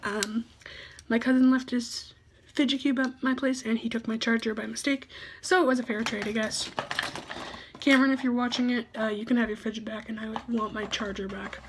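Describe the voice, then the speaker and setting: A woman's voice: a little high, steady tone, a little fast, noisy background. A teenage girl vlogging casually, chatty and giggly, rambling as she shows off her things. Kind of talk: casual show-and-tell.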